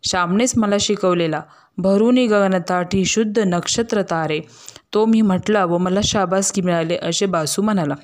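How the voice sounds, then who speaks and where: A woman reads a story aloud in a voice of ordinary middle pitch. Her delivery is steady and measured, and she slows down for lines of verse. The sound is close and direct. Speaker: storyteller reading a classic novel aloud. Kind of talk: narration of a story.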